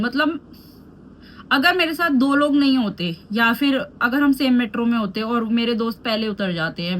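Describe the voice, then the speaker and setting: A young woman in her twenties, a beauty vlogger, telling an animated storytime story. She mixes Hindi and English as she talks. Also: a little high, slight background noise. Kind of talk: storytime vlog while doing skincare.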